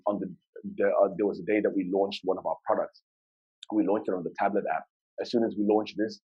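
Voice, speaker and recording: A Zimbabwean man whose first language is Shona gives a conversational talk at a conference, using filler words and restarting sentences. His voice is on the low side and husky, and the audio sounds narrow and tinny.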